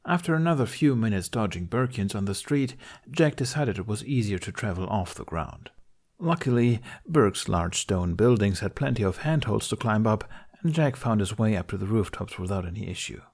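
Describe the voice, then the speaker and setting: A podfic narrator reads fan fiction aloud, performing a fantasy story as scripted audiobook-style narration. His voice is on the low side and a little mellow, with lively intonation and a moderate pace.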